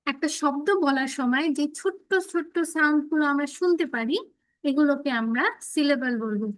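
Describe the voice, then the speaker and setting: A young woman teaching an online class, explaining in Bengali, reading English definitions out very slowly and calling on students to check that they understand. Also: sits high, no room sound, rough recording.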